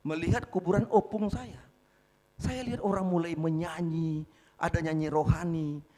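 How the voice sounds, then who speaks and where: A man preaching a sermon in a church, often addressing the congregation as brothers and sisters, swinging between loud emphatic peaks and quiet asides. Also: fairly high pitch, steady tone, moderate pace. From North Sumatra, Indonesia. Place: large church hall. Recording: echoey hall with long reverb.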